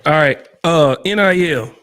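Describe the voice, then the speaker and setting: A middle-aged man hosting a casual livestream chat, talking in a relaxed, encouraging, folksy way. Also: fairly high pitch, unhurried. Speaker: livestream host.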